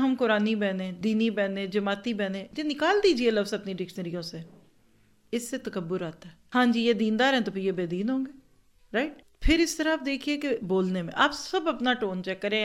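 A woman giving an earnest religious lecture to a class of women. She talks in an instructive way, repeats points for note-taking, and acts out different tones of voice as examples. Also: a little high. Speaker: religious teacher.

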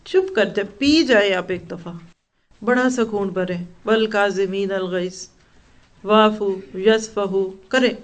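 A woman teaching an Islamic lecture to women, earnest and counseling, reciting Arabic verses slowly between her advice. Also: sits high, a bit bright.

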